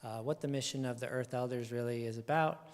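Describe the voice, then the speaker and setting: A man's voice: mid-range voice, a little fast. A man moderating a live panel discussion, speaking hesitantly with many fillers. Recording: long hall reverb.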